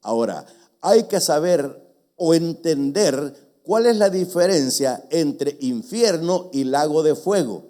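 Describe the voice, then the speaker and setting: A man's voice: a little high, animated, slow pace, dark tone. A man in his seventies from El Salvador, a pastor preaching a teaching sermon to his congregation, spelling out words letter by letter and joking with the listeners. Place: church.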